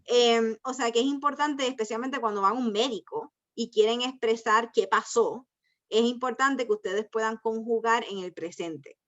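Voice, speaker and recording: A woman's voice: on the high side, normal speed. A woman teaching an online language class, explaining rules patiently step by step. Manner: patient, explains step by step, mixes Spanish and English. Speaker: ESL teacher. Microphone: video call. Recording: dull lo-fi video call audio.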